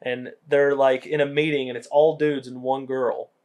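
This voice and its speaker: A man's voice: medium pitch, moderate pace. A young man co-hosting a podcast, casually retelling comedy movie scenes and acting out the lines. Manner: animated storytelling, acts out quotes. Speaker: podcast co-host.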